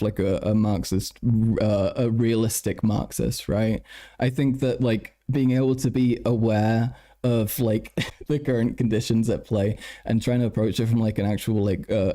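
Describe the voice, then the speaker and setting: Man, tired, mellow dark voice, casual livestream chat, stutters, repeats words, sweary. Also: on the low side. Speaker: live streamer. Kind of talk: casual late-night livestream chat, answering chat messages.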